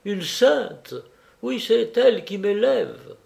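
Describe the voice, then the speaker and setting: A man's voice: a little high, animated, slow, warm tone. A man voicing a simple, childlike young man who speaks in naive, fervent exclamations.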